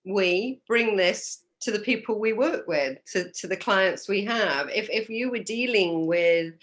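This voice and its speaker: A woman's voice: mid-range voice, measured pace, fairly bright tone. A woman hosting a casual panel discussion on coaching, asking questions and often repeating words as she starts a thought. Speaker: podcast host and coach.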